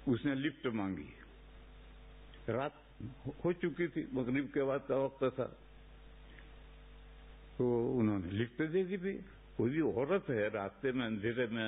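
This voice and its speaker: Male preacher, casual sermon, quotes Arabic, phone-thin lo-fi sound, mid-pitched. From India. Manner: conversational, rhetorical questions, recites Arabic hadith. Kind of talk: sermon in a mosque. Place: mosque. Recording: tinny phone-like lo-fi recording.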